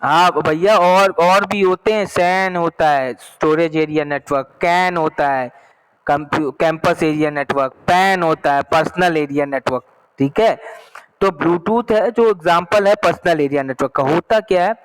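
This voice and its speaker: High-voiced male teacher explaining slowly. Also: a bit bright, clear, resonant tone, low-quality recording. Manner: explains slowly, reads English text then repeats in Hindi; checks understanding often. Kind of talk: online class lesson.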